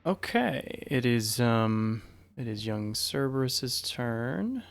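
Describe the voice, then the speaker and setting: A man with a medium-pitched voice acts as game master for a tabletop game. He narrates slowly and casually, improvising with some hesitation, with faint music behind him. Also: very animated, gravelly.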